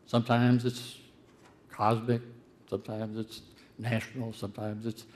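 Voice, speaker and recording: An older man preaching a sermon in a conversational, earnest way, his voice swelling to loud, emphatic peaks. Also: on the low side, flat delivery, measured pace.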